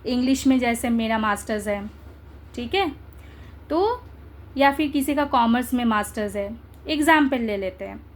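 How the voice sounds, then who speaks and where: A woman's voice: fairly high pitch, lively intonation, normal speed, long pauses. A young adult woman teaching an English grammar lesson, coaxing her students and checking often that they follow. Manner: coaxing, checks understanding with repeated tag questions. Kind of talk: exam-prep grammar lesson.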